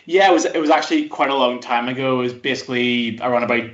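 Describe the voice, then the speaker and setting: A Belfast man in his thirties, guesting on a podcast, chats casually and rambles a bit in a medium-pitched, fairly bright voice, talking fast. The recording is dull and lo-fi, with an echoey room.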